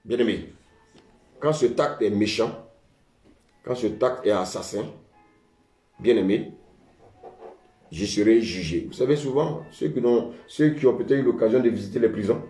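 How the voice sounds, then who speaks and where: A man's voice: mid-range voice, normal speed, long pauses, mellow, reverberant. A man preaching a sermon as pastor, often saying "beloved" and calling for the congregation's answer. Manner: preaching with call-and-response; repeats "bien aimé" often.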